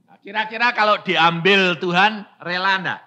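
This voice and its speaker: A man preaching a sermon, telling a story and acting out the dialogue, swinging from hushed lines to shouted ones. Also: sits high, moderate pace, dull audio. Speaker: pastor.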